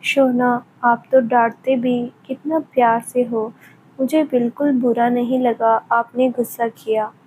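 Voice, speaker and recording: A sweet, sleepy young woman speaking softly to her partner in an audio story, voiced by the narrator. Her voice is quiet, innocent and mellow, a little high and slow. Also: flat delivery, slight background noise, close to an everyday voice, poor audio.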